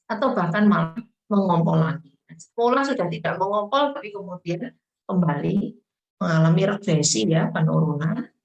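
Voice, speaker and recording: A woman with a slightly low voice gives an explanatory webinar talk. She keeps checking in with her listeners and pauses on fillers while she searches for words. Her voice carries the echo of a hollow-sounding room. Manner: explanatory, frequent tag questions and fillers. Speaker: webinar speaker on trauma. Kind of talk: lecture. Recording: echoey room.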